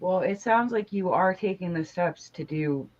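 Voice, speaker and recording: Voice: medium pitch, moderate pace, dull audio. A speaker in a casual chat, easygoing and supportive.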